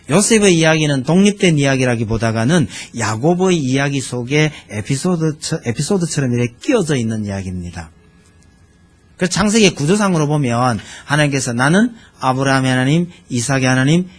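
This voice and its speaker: Lively-voiced male pastor preaching. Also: fairly high pitch. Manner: conversational, asks the congregation questions. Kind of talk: sermon. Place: church sanctuary.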